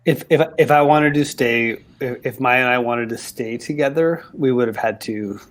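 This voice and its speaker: Fast, stumbling male game master. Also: mid-range voice. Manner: quick, halting talk with many restarts and fillers. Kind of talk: casual chat and game narration on a live stream. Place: home in Halifax. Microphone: video call.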